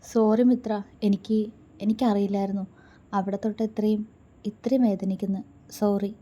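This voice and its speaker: A playful young husband with a sly, coaxing way of talking, as a woman storyteller puts him on. His voice is mellow and warm and stays close and soft as he teases, in a romantic audio story. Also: a little high, animated, a little slow. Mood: apologetic.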